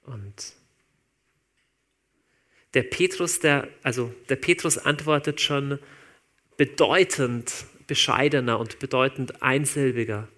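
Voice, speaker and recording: A man preaches in a loose, conversational way and talks straight to his listeners as if chatting with friends. His voice has a bright, forceful edge and sits at an ordinary middle pitch. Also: slow pace, long pauses. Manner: conversational, informal, addresses listeners directly. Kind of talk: sermon.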